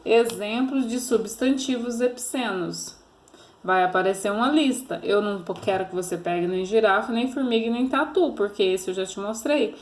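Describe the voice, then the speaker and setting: A woman's voice: mid-range voice, a little fast, hardly any pauses. A Brazilian woman teacher giving a recorded grammar lesson to children, patiently posing fill-in questions and coaxing answers. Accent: Brazilian Portuguese.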